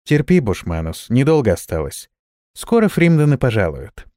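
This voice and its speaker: A man's voice: medium pitch, sing-song, normal speed, mellow, no echo, studio quality, natural voice. A man reading the lines of an impatient, stern female warrior who gives curt orders. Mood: reassuring. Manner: curt, commanding.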